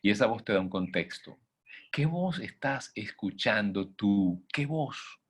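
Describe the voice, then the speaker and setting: Male motivational coach, husky low voice, animated delivery, emphatic rhetorical questions. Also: measured pace. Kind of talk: motivational talk with faith content.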